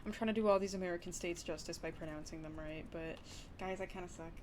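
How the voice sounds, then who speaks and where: A woman's voice: on the low side, fast, a little hiss or hum. Young woman, Wisconsin accent, casual livestream chatter, rambling, addresses chat, faint keyboard typing behind. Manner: rambling, talks to chat with lots of "like" and "dude".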